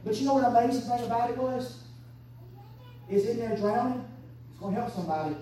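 A woman, preaching an impassioned sermon that swings between hushed and shouted. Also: on the high side, animated, fast talker, a little hiss or hum. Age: 30s. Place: church sanctuary. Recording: echoey church from far off.

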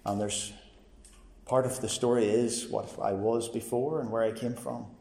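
A man in his forties with a Northern Irish accent, giving a personal testimony in a plain, earnest, halting way. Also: mid-range voice, steady tone, gravelly, a little mellow. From Northern Ireland. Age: 40s. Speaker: testifying church member. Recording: echoey hall with long reverb.

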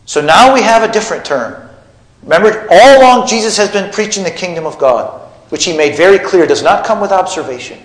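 A man preaches to his congregation, building emphasis and rising in volume on key points. His voice sits a little high. The room around him is echoey, like a church sanctuary. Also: expressive, brisk. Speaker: pastor. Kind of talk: sermon.

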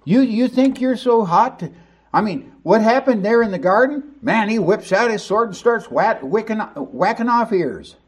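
Male pastor, sermon, high voice, emphatic, conversational. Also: animated, moderate pace, breathy edge. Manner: emphatic and conversational, with sudden loud stresses.

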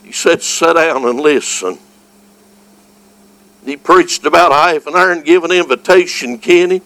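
A Southern US evangelist, voice on the high side, preaches a fervent revival sermon a little slowly. Folksy and exclamatory, he drifts from quiet storytelling into shouting. The recording is rough, with no room sound.

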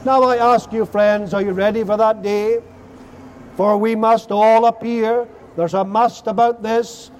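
Guy doing loud soapbox street preaching, really high voice, slow solemn warnings and rhetorical questions. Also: steady tone. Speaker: open-air street preacher. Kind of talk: evangelistic outreach preaching.

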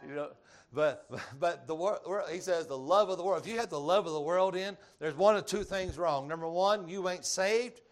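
A middle-aged male preacher speaks in a rural Georgia drawl, pitched a little high for a man. His evangelical delivery is folksy and plain-spoken, built on repetition and direct questions to his listeners. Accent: Southern US, rural Georgia. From Georgia, United States. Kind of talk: evangelical sermon with altar call.

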